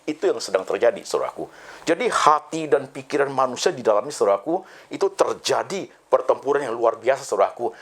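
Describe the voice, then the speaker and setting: A man preaching to his congregation in a mid-range voice. His pitch leaps upward on key points and falls away quietly at the end of phrases. He slips English words into his sermon. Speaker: pastor.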